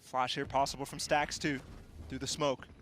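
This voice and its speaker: A man's voice: mid-range voice, level tone, moderate pace, fairly bright tone. A man giving live esports caster commentary with short analytical remarks. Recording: noisy game gunfire and clicks behind.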